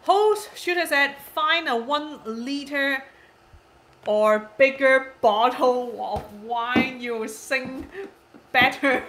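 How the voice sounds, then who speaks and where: A high-pitched woman in her thirties, a native Cantonese speaker, hosts a casual live stream, reading comments aloud, giggling and repeating herself. Her tone is fairly bright, with a little hiss or hum in an echoey room.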